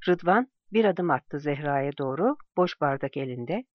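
Measured audiobook narrator, dry recording. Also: mid-range voice, animated, dry recording, muffled recording. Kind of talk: scripted narration.

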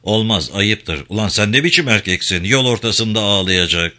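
A man voicing a jovial, gold-toothed middle-aged stonemason in a Turkish audiobook, speaking low and teasing. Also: animated, moderate pace, pushed and bright. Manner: teasing, paternal, low-pitched.

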